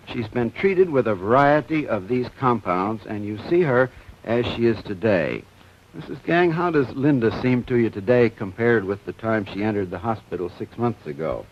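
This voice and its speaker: A man's voice: mid-range voice, lively intonation, normal speed. Doctor guy explaining science on an old 1950s tv broadcast, lots of uhs, dull hissy sound. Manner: hesitant, frequent "uh" fillers. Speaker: physician presenting research. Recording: dull lo-fi old TV audio, faint hiss.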